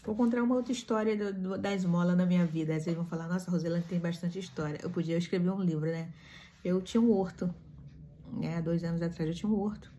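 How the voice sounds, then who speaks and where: A woman's voice: fairly low pitch, fast, dark tone, a little hiss or hum. A woman giving a morning devotional reflection, telling stories and asking the listeners rhetorical questions. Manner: emphatic storytelling with rhetorical questions.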